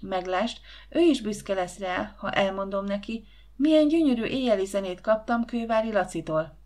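A woman voicing an excitable, playful teenage girl who whispers eagerly in an audiobook. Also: mid-range voice, close to an everyday voice. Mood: proud, eager.

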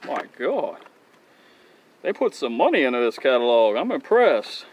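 A man's voice: medium pitch, big pitch swings, a little slow. A man in his thirties hosting a fishing channel, chatting eagerly to viewers as he unboxes gear on a dock. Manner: enthusiastic, chatty, addresses viewers as guys. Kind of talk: casual product unboxing. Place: outdoors on a dock by open water.

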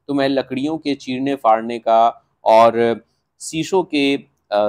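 A man with an Indian accent, explaining a textbook chapter to students line by line. He reads each English line slowly, then explains it in Hindi, pausing to think. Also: mid-range voice. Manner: patient classroom explaining, thinks aloud with fillers. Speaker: teacher.

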